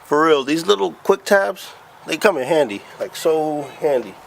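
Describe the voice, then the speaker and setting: Stuffy-nosed, low-energy man vlogging. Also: expressive, gravelly, a little hiss or hum, poor audio. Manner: low-energy, slow and loose, winging it. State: stuffed-up nose from being sick. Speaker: car channel host. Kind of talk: casual do-it-yourself car vlog.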